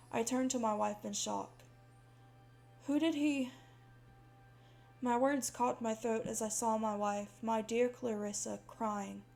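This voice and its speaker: A woman reading a dark horror story aloud in a dramatic first-person telling. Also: a little high. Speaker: narrator.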